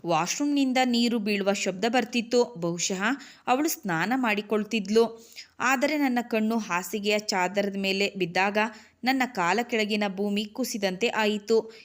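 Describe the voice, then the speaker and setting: A woman narrating a dramatic first-person story in a measured storytelling manner. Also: medium pitch.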